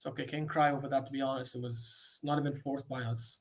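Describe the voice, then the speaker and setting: A man hosting a football watchalong, giving live commentary that swings between low muttering and sudden excited shouts. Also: fast. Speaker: host of a football watchalong stream. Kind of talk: live match commentary and reaction.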